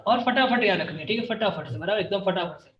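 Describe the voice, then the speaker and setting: A man's voice: high-pitched, lively intonation, quick pace. A male chemistry teacher lecturing a class, drilling students with repeated questions and mixing Hindi with English. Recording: echoey room, dull lo-fi sound.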